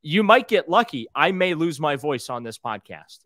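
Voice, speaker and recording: Over a video call with earbuds and a desk microphone, a young co-host of a casual sports podcast talks from a small home room lined with display shelves. He sounds very animated, fairly high and sharp, moving at a moderate pace while earnestly, somewhat defensively, reciting statistics as his voice nearly gives out. It's clean, studio-quality sound without echo.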